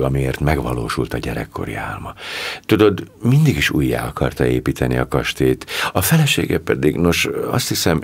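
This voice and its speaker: A fiery young woman, as a male narrator puts her on, quick to anger and indignant. Her voice rises and swings, yet a deep, gravelly rasp shows through. It is an audiobook reading. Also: exaggerated voice. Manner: indignant, heated.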